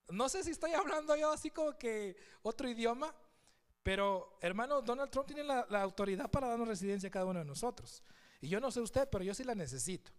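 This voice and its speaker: A man's voice: sits high, clean tone. A man preaching a sermon in a church, asking the congregation questions and reading scripture aloud. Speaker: pastor.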